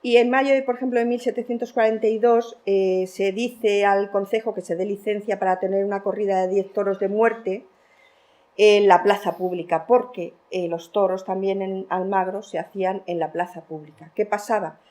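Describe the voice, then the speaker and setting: A woman from Spain giving an academic conference talk, lively, with fillers and laughter between points. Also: medium pitch, moderate pace. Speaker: lecturer.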